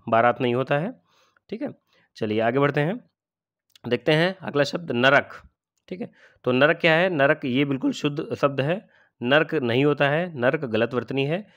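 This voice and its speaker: A middle-aged man, an exam-prep teacher, giving a spelling lesson and patiently repeating each word with rhetorical questions. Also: medium pitch.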